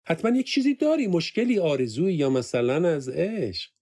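A man's voice: a little high, very animated, darkish tone, voice pushed up. A man voicing an easygoing male soldier who speaks in a raised, lightly mocking voice. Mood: coaxing. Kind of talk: audiobook character voice.

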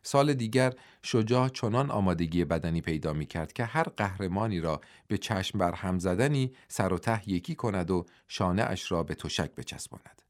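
Male audiobook narrator, low-pitched, dramatic and expressive delivery. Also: few pauses.

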